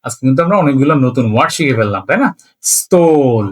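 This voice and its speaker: A man teaching a beginner language lesson, slowly spelling out words letter by letter and often checking in with his listeners. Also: mid-range voice, expressive. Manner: slow, repetitive spelling out letter by letter.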